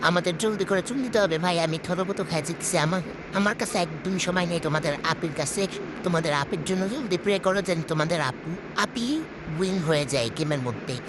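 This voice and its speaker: A gaming video host with a Bangladeshi accent talks to herself through a voice changer, giving casual, exclamatory commentary and repeating words. Her voice is lowish and fairly quick, against a noisy background.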